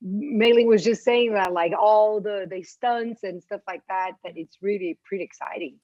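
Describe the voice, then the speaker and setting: A woman's voice: mid-range voice, moderate pace, a little mellow, dry recording, lo-fi sound. A woman actress being interviewed at a press junket, talking enthusiastically and repeating words as she searches for them.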